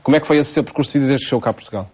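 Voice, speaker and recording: A male radio interviewer asking questions and gently prompting his guest, with frequent affirming murmurs. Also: mid-range voice, racing, husky.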